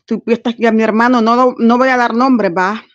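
A woman's voice: a little high, fairly even intonation, normal speed, lo-fi sound. A woman calling into a live stream, earnest as she tells a personal story. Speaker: guest caller. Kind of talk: casual chat on a live stream.

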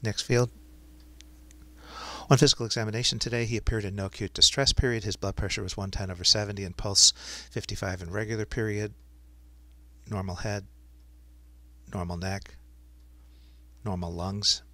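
A man dictating medical notes aloud to speech recognition software, in clinical phrasing with punctuation spoken out. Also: fairly low pitch, steady tone, moderate pace, long pauses. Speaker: software demonstrator.

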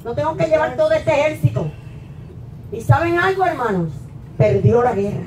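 A middle-aged woman pastor preaching a sermon at a pulpit into a handheld mic, rising to emphatic peaks and then dropping low. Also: lively intonation, normal speed, a little mellow, a little hiss or hum. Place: small church hall, at a wooden pulpit. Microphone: handheld mic, filmed from a distant camera. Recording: echoey church hall from far off.

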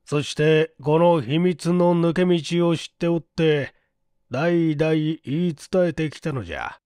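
An actor playing a shrewd, shabby 97-year-old man who talks in slow, folksy old-man speech in an audiobook drama. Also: a little high, animated, a little mellow, clean tone, no echo, studio quality. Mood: confiding.

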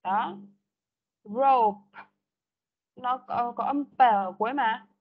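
A woman's voice: on the high side, normal speed, breathy edge. A woman teaching an online English class, patiently repeating prompts and correcting pronunciation. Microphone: video call. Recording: dull lo-fi call audio.

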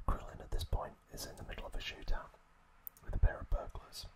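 This is an ASMR story recap from a man who whispers near the microphone, his breathy words coming haltingly between long silences.

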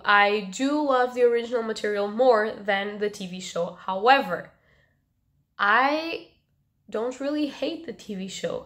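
A young woman with a stuffed, nasal voice and little voice left, chatting casually in a book review vlog and pausing to breathe. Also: medium pitch, a bit bright. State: stuffed nose, losing her voice. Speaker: book vlogger.

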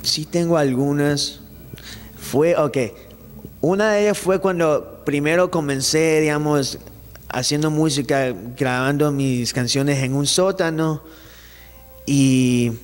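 A young adult man from Ecuador who sings talks animatedly in a casual studio interview, the interviewer holding a handheld mic to him on a small indoor set. His fairly high voice trails a long reverb. Gesturing with his hands, he keeps restarting his sentences.

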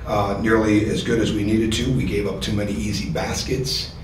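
A man's voice: lowish voice, level tone, moderate pace. A middle-aged man, a basketball coach, answering questions at a postgame press conference in an earnest manner, often repeating words while he thinks. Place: press room with sponsor backdrop. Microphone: podium mic. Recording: echoey room, distant mic, noisy.

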